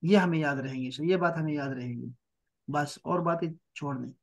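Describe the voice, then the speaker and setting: Patient male Arabic teacher, fairly high voice, repeats terms slowly for an online class. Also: vocal fry. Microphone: online class mic.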